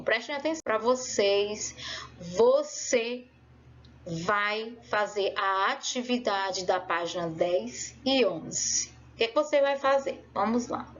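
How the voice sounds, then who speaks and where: A woman teacher giving a remote lesson, explaining patiently and drawing out her words with lots of diminutives. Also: medium pitch. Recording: dull lo-fi recording.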